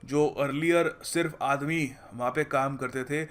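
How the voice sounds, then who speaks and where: A man teaching English vocabulary in Hindi, reading example sentences slowly and explaining them in a casual classroom manner. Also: fairly high pitch, fairly even intonation, fairly bright tone. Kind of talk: explaining lesson.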